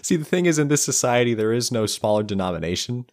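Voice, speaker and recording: A man's voice: mid-range voice, expressive, fast, darkish tone. A man running a tabletop game as game master, chatty and laughing often.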